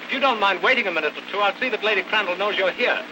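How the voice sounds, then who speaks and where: An actor in an early talkie film playing a courteous, brisk army officer with formal, clipped manners, on a noisy old soundtrack. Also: male voice, sits high, natural voice. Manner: formal, clipped, polite authority.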